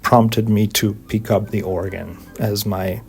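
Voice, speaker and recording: A middle-aged Hungarian man, a guest organist and composer, answering interview questions in measured English with frequent pauses and fillers. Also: lowish voice, steady tone, creaky, soft background music.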